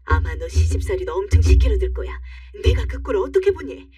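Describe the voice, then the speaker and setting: A woman's voice: mid-range voice, big pitch swings, a little fast, no room sound, recorded from a distance, soft background music. A woman voicing a furious, stubborn mother. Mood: angry shouting. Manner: loud and scolding. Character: angry middle-aged mother, shouting and stubborn.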